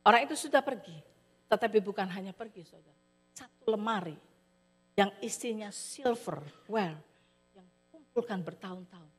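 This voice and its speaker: A woman preacher telling a story in a sermon, animated, acting out the characters' voices. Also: mid-range voice, moderate pace, husky. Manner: animated, acts out characters' voices, addresses listeners as "saudara". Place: church hall. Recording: long hall reverb.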